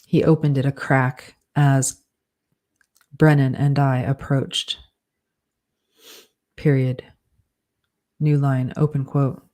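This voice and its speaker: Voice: mid-range voice, flat delivery, slow, long pauses, darkish tone. An author dictating a novel aloud, speaking each punctuation mark and saying "undo" to fix slips. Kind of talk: slow dictation with spoken punctuation.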